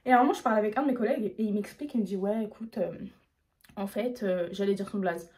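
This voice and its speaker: Fast-talking young French woman. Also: medium pitch. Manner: fast, slangy, animated retelling. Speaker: YouTuber. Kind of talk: casual storytime vlog.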